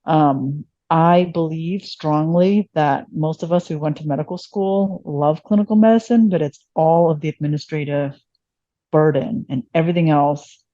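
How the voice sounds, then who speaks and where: A woman's voice: low-pitched, moderate pace, mellow, no echo, highs cut off. A woman in her late thirties from Vietnam, an emergency physician being interviewed, talking reflectively with many fillers. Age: late 30s. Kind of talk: conversational interview.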